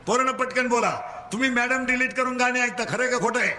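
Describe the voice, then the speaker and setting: A Marathi-accented man delivering a comic kirtan sermon in a very high voice. He works the crowd in quick call-and-response and scolds the schoolboys with playful mockery. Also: steady tone, bright, forceful tone. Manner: rapid call-and-response, drilling the crowd to answer. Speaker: kirtan preacher.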